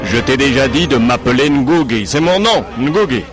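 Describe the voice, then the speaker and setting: A man voicing a self-assured male governor who talks in a smooth, condescending way, over music. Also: medium pitch, lively intonation, moderate pace, lightly acted.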